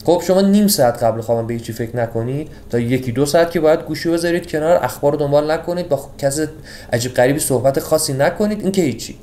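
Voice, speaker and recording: A man casually summarizing a book for his audience, chatty and jokey, swinging between loud and hushed delivery. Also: fairly high pitch, reverberant, slight background noise.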